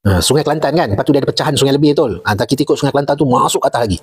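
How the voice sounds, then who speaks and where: A man's voice: medium pitch, expressive, racing, breathy edge. A middle-aged man with a Malaysian Malay accent, a retired army major telling jungle stories in casual chat and repeating points for emphasis.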